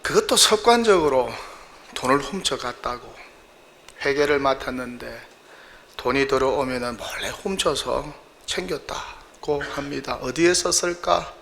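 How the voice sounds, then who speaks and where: A man's voice: medium pitch, expressive, unhurried, creaky, fairly bright tone, a little hiss or hum. A male pastor preaching a sermon in a church, emphatic and full of rhetorical questions.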